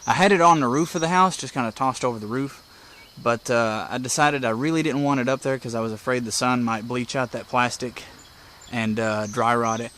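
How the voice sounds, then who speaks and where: Out by a house porch, with birds and insects distinctly audible, a hobbyist presenter explains each step in a casual, folksy manner. His voice is mid-range and fairly bright, and he speaks a little fast.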